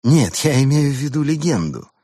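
A man voicing a gentle, respectful female panther ghost who speaks peaceably. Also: medium pitch, animated, moderate pace, husky, no echo, clean studio sound, voice pushed up. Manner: peaceable, earnest.

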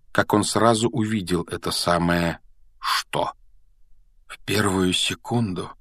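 A man narrating an audiobook in an expressive, measured way. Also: fairly low pitch, slightly rough, no room sound. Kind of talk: scripted narration.

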